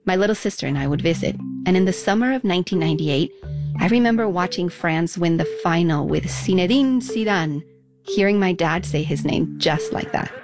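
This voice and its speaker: A woman's voice: on the low side, lively intonation, brisk, over loud music. A woman in her forties from Mexico, narrating a reflective personal radio feature with a nostalgic, storytelling manner.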